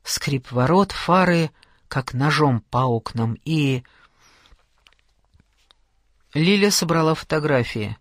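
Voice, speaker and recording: A man narrating a crime novel as an audiobook. His voice sits a little high, and he tells the story in a dramatic, steady way. It sounds dry and close. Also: unhurried, dry recording. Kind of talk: scripted narration.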